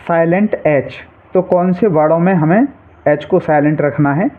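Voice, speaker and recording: A man with a fairly high voice explains rules step by step, like a patient classroom teacher. He says each rule twice and quizzes with short questions. The sound is thin and tinny, like a phone line. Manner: patient, repeats each rule and asks quiz-style questions. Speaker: English teacher.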